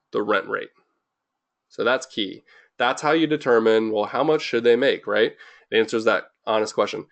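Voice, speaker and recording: A young man hosting a webinar in an informal, rambling way, full of fillers and restarts, a little jittery from too much caffeine. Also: lowish voice. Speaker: webinar host.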